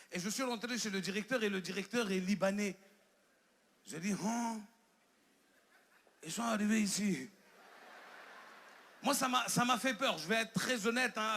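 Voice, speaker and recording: A man's voice: high-pitched, creaky. A young man with an Ivorian French accent doing a stand-up comedy set, telling stories animatedly and acting out characters. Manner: animated storytelling, acts out characters. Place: stage with live audience.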